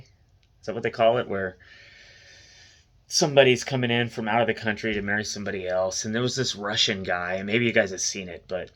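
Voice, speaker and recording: A man's voice: lowish voice, fairly bright tone. A middle-aged man chatting casually and earnestly to his viewers, in a rambling, conversational way as a vlog host. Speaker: host of a music reaction vlog.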